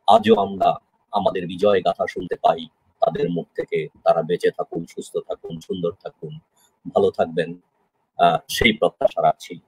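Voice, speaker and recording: Solemn husky man hosting. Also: sits low, steady tone, no echo, poor audio. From Bangladesh. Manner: solemn, measured and declamatory. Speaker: host. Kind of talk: formal tribute speech.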